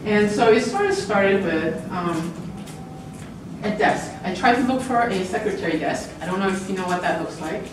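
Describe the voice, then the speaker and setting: Speaking at normal speed with big swings in pitch, a middle-aged woman whose first language is English presents a book informally in a lecture room. She chats, laughs a lot, and jumps up in pitch for quoted lines; a distant camera records her, so the sound is roomy and noisy.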